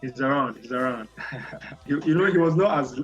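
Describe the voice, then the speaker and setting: Young guy from ghana chatting as a guest, energetic, a bit dull sound w faint music behind. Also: mid-range voice, moderate pace, slightly rough. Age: young adult. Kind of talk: casual interview.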